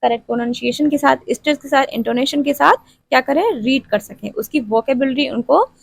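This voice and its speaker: A woman tutor giving an exam-prep lecture on teaching steps, mixing Hindi with English terms and reading English definitions out slowly. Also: high-pitched, creaky, no room sound. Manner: repeats a check-in tag after each point.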